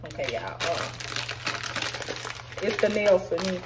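In her kitchen, a woman in her thirties walks viewers through a home recipe, a little tipsy and chatty, addressing them as "y'all." Her pitch is fairly low, her intonation lively, her pace slow. The camera is set back at the counter, giving distant sound with room noise.

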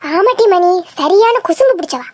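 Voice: animated, moderate pace, background noise. A voice actor playing a group of cheeky village schoolchildren in a cartoon, squabbling and teasing. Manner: teasing, squabbling, shrill giggling. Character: chattering village schoolkids, boys and girls, cheeky. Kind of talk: cartoon voice acting.

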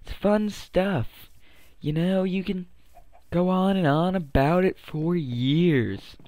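A man's voice: high-pitched, slow pace, darkish tone, dry recording. Sick young man rambling over gameplay. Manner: playful and rambling, with silly sing-song hype bits. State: sick, voice cracking. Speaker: gaming channel host. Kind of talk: casual let's-play commentary.

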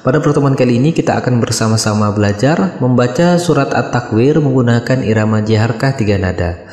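A man's voice: mid-range voice, lively intonation, fairly quick, darkish tone. Man teaching in an echoey room. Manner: plain, encouraging explanations addressed to viewers. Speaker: host and recitation teacher. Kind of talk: friendly instructional talk. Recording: echoey room with long reverb.

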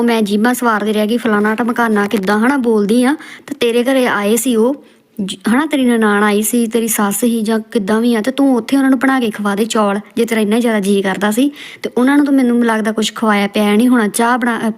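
A woman roasting video clips in a scolding, mocking tone. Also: fairly high pitch. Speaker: roast commentator.

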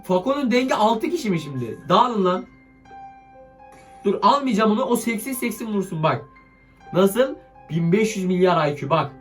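Young male gaming YouTuber with a sick, strained, high voice. Excitable and playfully cursing, with light music underneath. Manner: excitable, swears playfully at the game. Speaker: mobile game YouTuber. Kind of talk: casual gameplay commentary.

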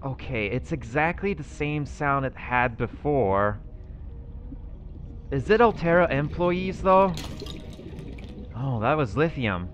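Speaking slowly and expressively at medium pitch, a young male YouTuber gives in-character commentary while playing a survival game. Long pauses separate his musings to himself, which are punctuated by nervous outbursts.

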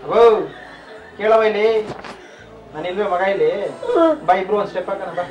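A man's voice: high-pitched, fairly quick, muffled recording. A man at a shelter who speaks, coaxing and teasing a resident in casual chat. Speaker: shelter worker comforting a resident. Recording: roomy and distant, with music over it.

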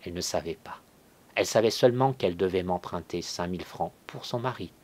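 Husky, low-voiced male reader. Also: brisk. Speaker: audiobook reader. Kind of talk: literary reading aloud.

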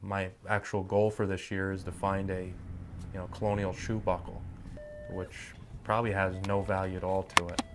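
A man, a metal detectorist, talking with halting repetitions about the thrill of the hobby in a documentary interview. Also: low voice, little pitch movement, noisy background. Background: soft guitar music.

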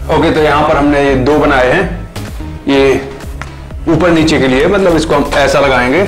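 Young man explaining his build, halting. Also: a little high, steady tone, over music. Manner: explains step by step with hesitant fillers and restarts. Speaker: maker showing a build. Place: small bare indoor room.

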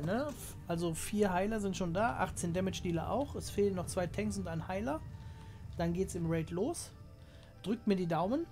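A man running a gaming channel chats casually through a let's play, explaining his moves to viewers. His high-pitched, warm voice sounds slightly hoarse from a cold.

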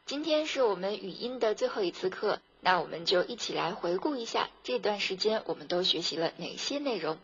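A woman teacher narrating a scripted pronunciation lesson, drilling sounds slowly and carefully. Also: mid-range voice, lively intonation, breathy edge, dull audio. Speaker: language teacher.

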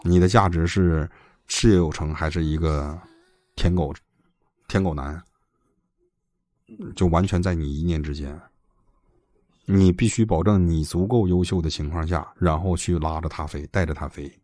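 A man's voice: deep voice, fairly even intonation, moderate pace, long pauses, a little mellow, dry recording. A man hosting a livestream advice call, blunt and insistent, swearing freely as he lectures a caller.

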